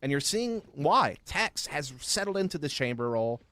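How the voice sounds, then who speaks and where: A man's voice: on the high side, sing-song, moderate pace, fairly bright tone, no echo. A man giving conversational, analytical color commentary on an esports match. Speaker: esports caster.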